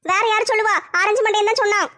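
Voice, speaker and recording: A woman, acting out a comic family skit in fast, chatty banter. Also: very high-pitched, fairly even intonation, sharp tone.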